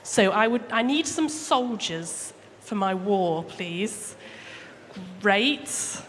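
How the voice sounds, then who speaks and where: Extremely slowly and with lively intonation, a woman with a mid-range, fairly bright voice shares a story with children at a church service. She talks to them simply and chattily, inviting answers to her questions. The hall is echoey and has background noise.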